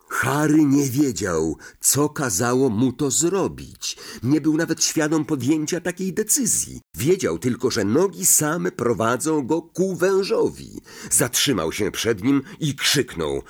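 A man narrating an audiobook, reading slowly and expressively with dramatic inflection. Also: medium pitch. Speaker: audiobook reader.

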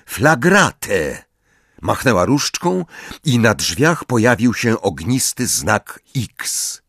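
A man narrating a fantasy audiobook in an expressive, dramatic manner. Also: on the low side, takes it slowly, vocal fry, husky, dry recording, clean studio sound.

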